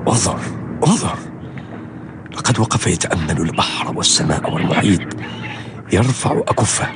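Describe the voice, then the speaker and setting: A man's voice: low-pitched, expressive, moderate pace, very noisy. An actor playing a curious, sceptical yet pious man in a radio drama, speaking theatrically with wonder. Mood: awed. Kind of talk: radio drama acting in formal Arabic.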